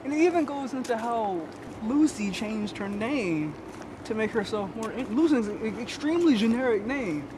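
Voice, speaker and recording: A man's voice: high-pitched, expressive, moderate pace, noisy background. A young man, a college student, chatting casually on a walk, rambling and laughing between thoughts. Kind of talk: casual chat while walking. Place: outdoors on a city street at night. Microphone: handheld camera.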